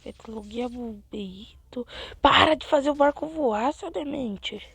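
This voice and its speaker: Excitable woman narrating her gameplay. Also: high-pitched, moderate pace, vocal fry, no room sound. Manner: chatty and excitable, addresses viewers, drops into whispers. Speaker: gaming channel host. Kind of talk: casual gameplay commentary.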